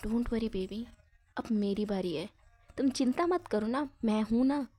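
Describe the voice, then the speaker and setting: A woman's voice: fairly high pitch, measured pace, mellow, pitched below the performer's own voice. A woman voicing a confident young woman who talks in a playful, reassuring way in a read-aloud story. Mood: teasing. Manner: teasing, reassuring.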